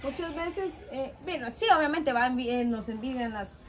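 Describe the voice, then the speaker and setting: A woman interviewing a guest, speaking calmly and giving encouraging advice. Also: sits high, moderate pace. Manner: calm, encouraging and advising. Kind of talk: conversational interview. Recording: faint outdoor noise, phone video.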